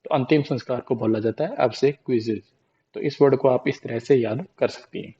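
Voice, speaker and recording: A man with an Indian accent teaching a vocabulary lesson, repeating mnemonic phrases slowly to drill them in. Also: medium pitch, warm tone, dull audio. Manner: slow repetitive drilling of mnemonics.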